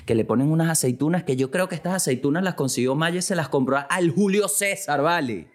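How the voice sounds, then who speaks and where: Animated Venezuelan man, fairly high voice. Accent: Venezuelan Spanish. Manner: animated, swings into loud outbursts; acts out dialogue in quick quotes. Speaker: podcast host. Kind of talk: casual comic monologue.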